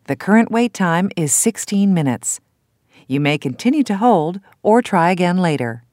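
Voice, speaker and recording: A woman playing a phone menu announcer, reading scripted options in a measured, instructional manner. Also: lowish voice, big pitch swings, a little mellow, no room sound, clean studio sound.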